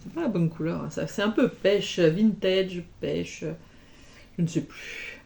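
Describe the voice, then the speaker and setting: A woman vlogger talks through her embroidery projects in an easygoing show-and-tell chat. She speaks slowly, with a soft, mellow tone, and keeps tossing in small interjections as she goes. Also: fairly low pitch, gravelly. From France. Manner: chatty, punctuated with little interjections.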